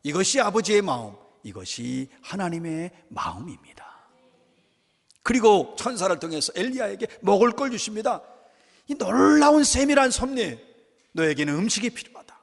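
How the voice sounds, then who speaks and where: A male pastor with a fairly high voice delivers a fervent sermon from the pulpit. His words ring out through a church sanctuary with a long, lingering reverb. He leans into emotional emphasis and slows down on key phrases. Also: sing-song, gravelly. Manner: fervent preaching that acts out quoted prayers.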